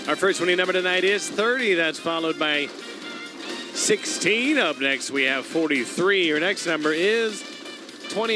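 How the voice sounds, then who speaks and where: A man hosting a televised lottery draw, announcing numbers in a polished, upbeat, emphatic presenter style. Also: fairly high pitch. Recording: music behind the voice. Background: music.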